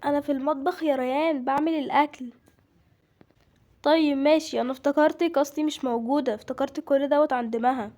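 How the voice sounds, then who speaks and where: A woman's voice: high-pitched, steady tone, quick pace, pitched above the performer's own voice, natural voice. A woman doing a frazzled Egyptian mother. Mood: calling out. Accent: Egyptian Arabic. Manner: loud, fussing, exasperated. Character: worn-out young mother, busy with housework.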